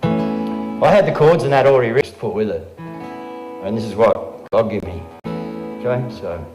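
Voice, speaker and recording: This Australian man has a lowish, expressive voice and talks at a normal speed, rambling casually on a live stream and often adding "okay?" or "right?". He is an amateur songwriter and regular guest holding a handheld microphone in a roomy live venue room with a guitar.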